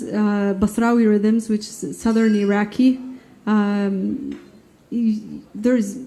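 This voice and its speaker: A woman's voice: medium pitch, mellow. A woman born in Iraq, a singer talking on stage at a live show, hesitant and full of fillers. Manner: hesitant, many fillers, laughs often. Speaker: singer and guest. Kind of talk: live onstage conversation. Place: stage at a live music venue.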